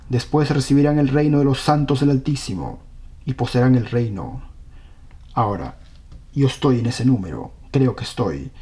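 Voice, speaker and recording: Mellow-voiced male preacher. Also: medium pitch. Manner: earnest, questioning congregation. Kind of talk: sermon with scripture reading.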